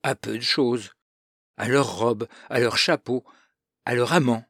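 A man's voice: mid-range voice, unhurried, a bit bright, breathy edge, no echo, studio quality. A man voicing a smug, cocky teenage schoolboy with a boastful, scornful manner in an audiobook reading.

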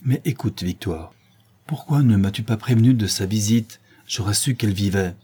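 A man reading the part of a commanding, ironic gentleman thief in an audiobook, grave and mocking. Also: lowish voice, moderate pace, slightly rough. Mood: stern.

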